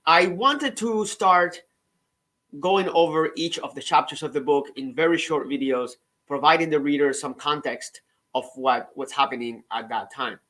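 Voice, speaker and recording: On his own channel, a middle-aged author from Cuba shares his story casually, his voice slightly high with a fairly bright tone. He talks in a halting, conversational way, often starting over and ending phrases with "right?"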